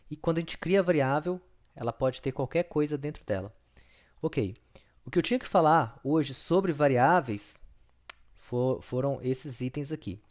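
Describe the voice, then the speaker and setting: A man with a mid-range, slightly mellow voice leads a recorded programming lesson over screen share. He is patient and repetitive, often checking in on his students.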